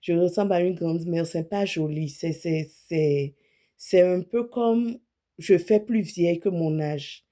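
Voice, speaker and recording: Speaking a bit slowly in a low, mellow voice, this woman in her thirties works as an image consultant. She gives candid, casual clothing advice straight to camera, frequently fixing her words partway through a sentence.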